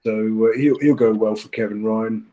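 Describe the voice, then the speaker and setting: A man's voice: lowish voice, steady tone, normal speed, mellow, poor audio. A man giving his horse racing tips in a casual chat, often hesitating with fillers and restarts. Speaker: racing tipster.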